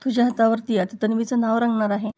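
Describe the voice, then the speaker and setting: Nervous younger brother, hurried and coaxing, read by a woman in a higher voice. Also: flat delivery, mellow, lightly acted.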